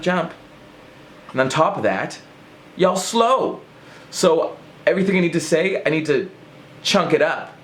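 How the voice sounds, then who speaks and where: A man's voice: on the high side, a little hiss or hum. A man vlogging in a casual rant to camera, rambling and self-mocking as he jumps between thoughts.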